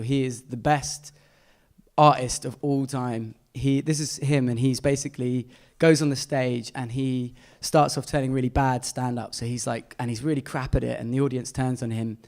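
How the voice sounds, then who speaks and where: A man's voice: medium pitch, vocal fry, darkish tone. A man, an artist giving a casual and enthusiastic slide talk full of fillers. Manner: chatty, enthusiastic, many fillers.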